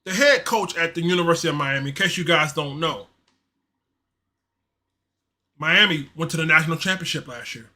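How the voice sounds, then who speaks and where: A man hosting a casual live-stream sports show, talking in a loose, slangy, animated way and reading chat messages aloud. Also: on the high side, quick pace. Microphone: streaming mic.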